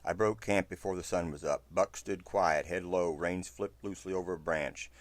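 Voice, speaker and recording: A man reading a first-person western story aloud, in a steady, low narration. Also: moderate pace, dry recording.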